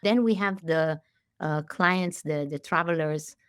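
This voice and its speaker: Israeli-born woman in her late forties, halting speech. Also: sits low, clear, resonant tone, no echo, studio quality. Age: 40s. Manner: warm, halting, many fillers and restarts. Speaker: CEO and guest. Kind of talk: conversational interview.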